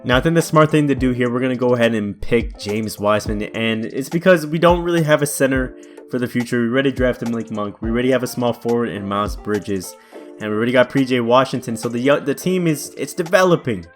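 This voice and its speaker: A man's voice: medium pitch, quick pace. A young man casually commentating a basketball video game, chatty and thinking aloud, with faint music behind him. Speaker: gaming YouTuber.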